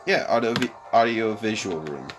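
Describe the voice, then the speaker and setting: A young man hosting a let's play, reading a visual novel aloud with expressive commentary. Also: fairly low pitch, normal speed, faint music behind.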